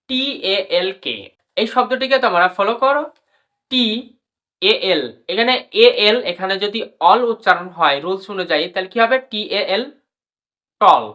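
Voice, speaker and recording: In a classroom-style lesson on English pronunciation, a woman with a bright, forceful mid-range voice spells out letters, drills words and goes over every rule again. She addresses her viewers as brother and sister.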